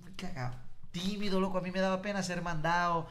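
A man's voice: high-pitched, fast talker, a crowd in the background. A man from Venezuela, a singer-songwriter telling stories in a casual chat and acting out the voices of the people he quotes. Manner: animated storyteller who acts out voices in quotes.

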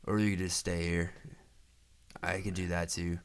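A man co-hosting a podcast in loose, excitable chat. His voice sits a little low, and he jumps from idea to idea with plenty of swearing. It sounds like two friends talking. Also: moderate pace, clean tone. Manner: loose, profane, excitable riffing. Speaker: podcast co-host. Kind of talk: casual chat.

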